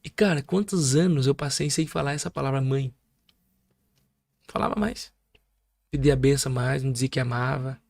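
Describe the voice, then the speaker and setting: A Brazilian man sharing his testimony in a casual conversation, as an animated storyteller who acts out voices. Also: medium pitch, normal speed, vocal fry, pauses often. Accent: Brazilian Portuguese. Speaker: guest preacher.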